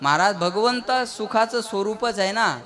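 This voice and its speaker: A man's voice: sits high, a little slow, a crowd in the background. A man with a Marathi accent preaching a kirtan sermon, telling the story with acted voices and jokes and breaking into sung verses. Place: outdoor village gathering.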